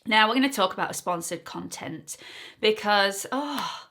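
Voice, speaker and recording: A woman's voice: medium pitch, expressive, unhurried, a bit bright. Earnest woman vlogging to camera. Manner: earnest, openly nervous and emotional. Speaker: beauty YouTuber and esthetician. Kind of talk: casual talking-to-camera vlog.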